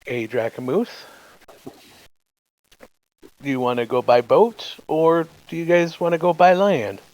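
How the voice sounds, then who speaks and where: A man's voice: fairly high pitch, expressive, unhurried, a little mellow, lo-fi sound. A man playing a tabletop game, talking casually and asking the game master lots of questions. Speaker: player.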